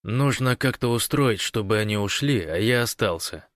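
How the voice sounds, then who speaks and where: A man voicing a sly, scheming man who feigns meekness, speaking soft and wheedling in an audiobook. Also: on the low side, expressive, moderate pace, dry recording, studio quality. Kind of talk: audiobook character voice.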